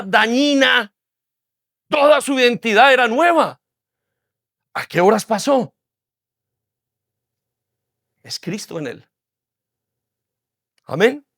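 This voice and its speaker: A man's voice: high voice, slow, gravelly, long pauses, a bit bright, no echo, studio quality. A man, preaching a sermon as pastor with repeated phrases and rhetorical questions. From Colombia. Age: 40s. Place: church hall.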